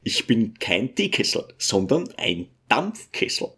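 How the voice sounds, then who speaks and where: A man's voice: fairly low pitch, very animated, unhurried, fairly bright tone, breathy edge, heavily acted. Brash pushy suitor, read by a man. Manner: insistent, overbearing, crude. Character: pushy, brash middle-aged male suitor.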